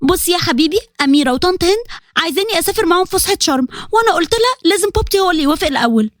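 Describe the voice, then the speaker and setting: A woman's voice: very high-pitched, animated, racing, fairly bright tone, no echo, studio quality. A woman voicing an affectionate teenage daughter with an Egyptian accent, coaxing her father. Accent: Egyptian Arabic.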